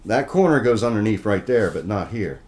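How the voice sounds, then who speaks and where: Fairly low in pitch and slightly mellow, this male guitar reviewer sounds animated as he moves at a moderate pace. He casually goes through inspecting a guitar, folksy and plain in his speech, laying out each check step by step for a hands-on product walkthrough.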